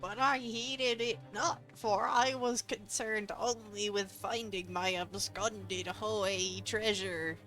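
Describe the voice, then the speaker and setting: A woman's voice: mid-range voice, steady tone, slow pace, hardly any pauses, fairly bright tone, faint music behind, poor audio. A British woman reading as a pompous old-fashioned detective. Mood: grandiose. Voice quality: archaic, theatrical phrasing. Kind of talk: reading game dialogue aloud.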